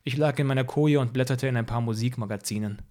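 A man reading a first-person audiobook in a calm, even storytelling manner. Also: medium pitch, fast talker. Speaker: audiobook reader.

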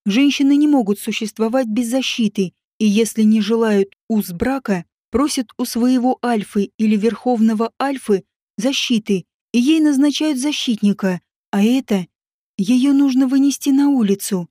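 Woman narrating a dark fantasy audiobook. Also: a little high, normal speed, no room sound, clean studio sound. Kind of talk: scripted narration.

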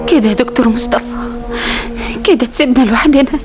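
A woman's voice: fairly high pitch, quick pace, over music, close to an everyday voice. An actress with an Egyptian Arabic accent playing a frightened, tearful young woman in a radio play. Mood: grieving. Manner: anxious, tearful.

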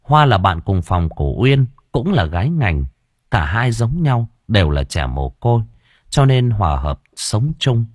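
A man's voice: fairly low pitch, big pitch swings, measured pace, no echo, clean studio sound. A man narrating an audiobook story, reading expressively and acting out the dialogue. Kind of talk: storytelling narration with character voices.

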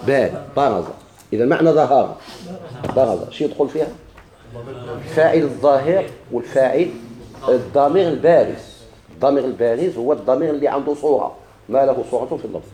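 Quick Moroccan man teaching grammar. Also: medium pitch, lively intonation, dark tone. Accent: Moroccan Arabic. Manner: asks questions and answers them himself; slows down to quote verses and examples. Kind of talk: explaining an Arabic grammar text.

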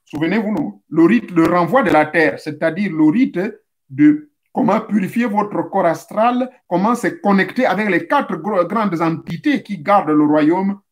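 High-voiced man teaching a spiritual rite. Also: a little slow. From Central Africa. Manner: didactic, addresses listeners directly, repeats steps. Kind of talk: instructional talk.

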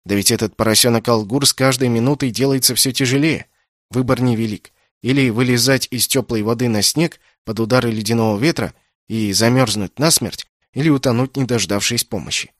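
Man, audiobook narrator, measured storytelling, mid-range voice, dry close recording. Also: mid-range voice, dry recording. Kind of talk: scripted narration.

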